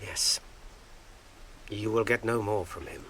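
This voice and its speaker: An actor playing the young hobbit Frodo in a radio drama, gentle and loyal, speaking in a soft, earnest, coaxing way. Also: male voice, on the low side, slow, slight background noise.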